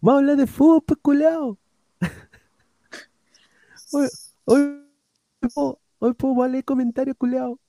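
A man putting on a shrill crude Chilean guy. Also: steady tone, slow pace, long pauses, warm tone, no echo, exaggerated voice. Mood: mocking. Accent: Chilean (put on). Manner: shrill, laughing, swearing.

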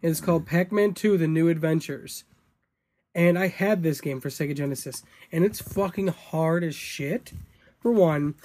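A young man with a noticeably high voice co-hosts a casual podcast chat. He rambles through his stories, leans on fillers, and swears offhandedly. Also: normal speed, darkish tone. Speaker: podcast co-host.

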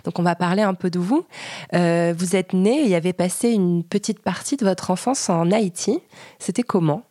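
A woman hosting a podcast interview, asking measured, gently probing questions. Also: on the low side, no echo, clean studio sound. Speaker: podcast host.

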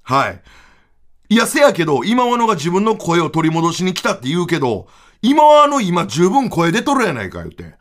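A man with a Kansai accent telling an absurd comic story in a loud, animated, mock-dramatic way. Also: high voice, normal speed. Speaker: comedian storyteller.

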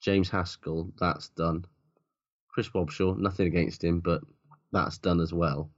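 A very deep-voiced man chats casually as a podcast co-host, blunt and sweary, rambling through his points. The recording is dull and lo-fi. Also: fairly even intonation, a little slow. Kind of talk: casual sports chat.

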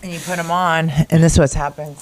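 An American woman co-hosts a daily video show, chatting candidly and with a bit of grumbling into a meeting room mic in a conference room. Her low-pitched, slightly mellow voice has fairly even intonation and moves a little fast. The rough recording has slight background noise.

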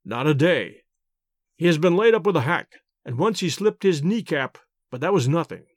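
A man reading an audiobook, voicing an earnest young gentleman who answers plainly and politely. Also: fairly high pitch, animated, moderate pace, no echo, clean studio sound. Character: earnest young gentleman, the missing man's friend. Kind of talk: audiobook character voice.

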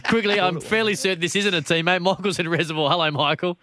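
A man's voice: sits high, quick pace, noisy background. An Australian man hosting a sports talk radio show, upbeat as he reads out promos and phone numbers. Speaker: radio host.

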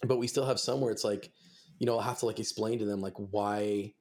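A man's voice: on the low side, steady tone, fairly quick, darkish tone. A man in his twenties, a touring musician, chatting casually and rambling through stories with lots of fillers and swearing. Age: 20s. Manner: swears freely, rambling storytelling with many fillers. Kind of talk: casual podcast chat.

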